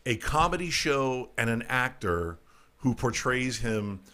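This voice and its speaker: This middle-aged podcast host speaks at a medium pitch, animated but unhurried, with a sharp edge. On his casual talk show he rants irreverently about the news, often stumbling and restarting, in a loose political comedy style.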